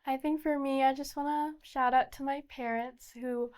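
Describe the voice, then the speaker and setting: A woman's voice: high-pitched, steady tone, normal speed, darkish tone. A young woman giving earnest interview answers as a pageant candidate. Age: young adult.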